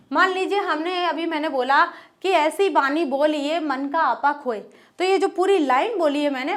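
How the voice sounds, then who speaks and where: A woman with a very high-pitched voice teaches a grammar lesson in a patient, step-by-step classroom manner. She poses questions and answers them herself, drawing out single vowel sounds as she names them. She checks in with her listeners often. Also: fairly bright tone. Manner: repeats "ठीक है" as a check-in.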